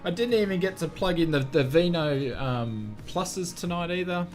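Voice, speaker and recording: Lively chatty Australian man streaming. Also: a little high, normal speed, faint music behind. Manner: chatty, self-mocking, often laughing. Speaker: flight sim streamer. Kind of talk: casual live-stream chat.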